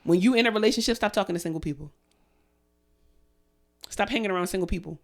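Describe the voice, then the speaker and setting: A woman's voice: mid-range voice, fast talker. A young woman co-hosting a podcast, ranting in heated, profane casual chat. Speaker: podcast co-host.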